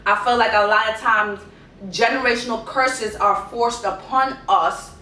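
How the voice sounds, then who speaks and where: A young woman with a Guyanese accent speaks in a fairly high voice, as in an informal advice vlog. She is conversational and repeats key words to drive them home. The sound is echoey and distant from the mic, with rumbling noise. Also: a little slow, pushed and bright. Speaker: vlogger giving life advice.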